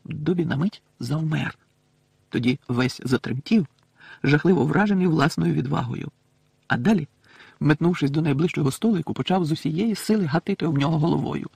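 A man narrating an audiobook in a lively, expressive reading style. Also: on the high side, fairly quick, creaky, husky, no room sound. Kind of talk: scripted narration.

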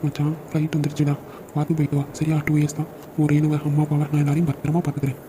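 A man's voice: on the high side, completely flat delivery, racing, noisy background, natural voice. A man voicing a caring young brother and loyal friend in a cartoon, brotherly and teasing. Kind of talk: cartoon dialogue acting.

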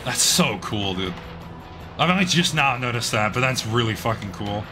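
Hoarse aussie guy swearing thru a game, loud game music under him. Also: medium pitch, normal speed. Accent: Australian. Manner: swears freely, excitable, talks to himself while playing. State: hoarse, losing his voice. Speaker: gaming channel host. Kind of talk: casual gameplay commentary.

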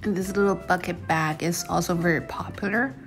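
A woman's voice: fairly low pitch, steady tone, brisk, over music. A young woman narrating a casual shopping vlog in a chatty, descriptive way. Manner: chatty, descriptive, reviewing products. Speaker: vlogger.

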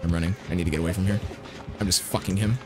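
A man streaming a horror game live, swearing freely and yelling dramatic cries for help as he plays. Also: low-pitched, steady tone, racing. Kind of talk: live gameplay commentary. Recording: music playing in background.

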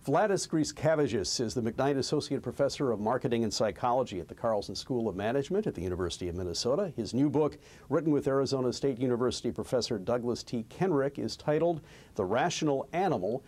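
A middle-aged man hosts a studio interview program. He reads the introduction and his questions in a formal, measured way, at an even medium pitch. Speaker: host. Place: studio set.

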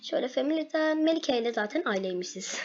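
Excited young girl gamer, very high voice. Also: fast talker, a little hiss or hum. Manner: excited and giggly, chatty. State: losing her voice. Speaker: gaming vlogger. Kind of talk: excited gameplay chat. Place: home. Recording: lo-fi home recording.

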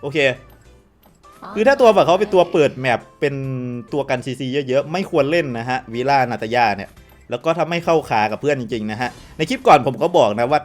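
A man with a slight cold giving excitable gameplay commentary to viewers, often exclaiming and repeating words. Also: a little high, fairly quick, faint music behind. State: has a cold, voice sounds odd. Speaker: game streamer.

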